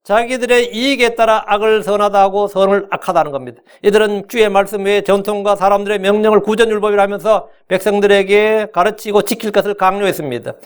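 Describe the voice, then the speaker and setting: A man's voice: high-pitched, steady tone, quick pace, few pauses, clean tone. A middle-aged man preaching a sermon as pastor, colloquial and joking, acting out quoted voices with a Korean accent.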